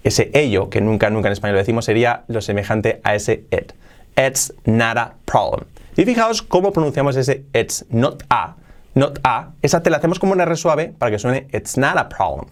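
A man whose first language is Spanish, teaching an online English lesson with lively explanations and slow, repeated example phrases. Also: mid-range voice.

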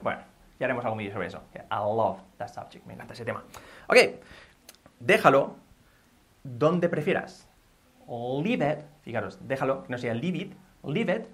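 A man's voice: medium pitch, moderate pace, pauses often, fairly bright tone. A man from Spain, teaching English phrases in a bilingual lesson, drilling sentences aloud and checking in with frequent "ok?".

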